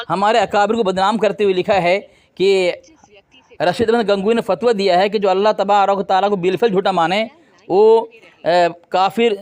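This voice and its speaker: A man with a very high voice debates hotly on a call. He taunts and insults his rival, repeating his claims and demanding proof. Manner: combative, taunting, insulting the opponent. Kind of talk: heated religious debate.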